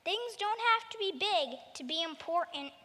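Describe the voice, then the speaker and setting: A woman's voice: extremely high pitch, expressive, moderate pace, pushed and bright, long reverb tail, heavily acted. A woman voicing a short, pompous male tax collector in a cartoon, boastful and self-important. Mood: smug. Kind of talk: cartoon acting.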